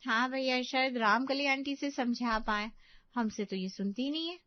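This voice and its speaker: A woman's voice: high-pitched, no echo, dull audio, close to an everyday voice. Woman voicing a bossy cartoon college girl. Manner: brisk, bossy. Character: teenage college-going younger sister, assertive. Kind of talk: cartoon voice acting.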